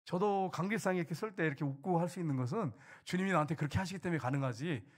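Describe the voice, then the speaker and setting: A man's voice: a little high, racing, breathy edge. A middle-aged male pastor giving a sermon in a church, conversational and questioning, acting out quoted voices. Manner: conversational preaching, asks the congregation questions, voices quoted speech. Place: church sanctuary pulpit.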